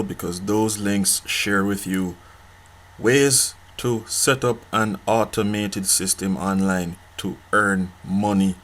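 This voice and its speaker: A man hosting an app review channel. He talks casually, repeats his points and keeps checking in with "okay?". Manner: pitchy, repeats himself, asks "okay?" often. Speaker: online money-making channel host.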